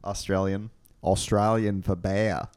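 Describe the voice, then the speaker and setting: Male podcast host from New York, low voice, loose and joking, runs the chat. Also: steady tone, a little slow, darkish tone, clear, resonant tone. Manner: joking, talkative, leads the conversation. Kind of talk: casual chat.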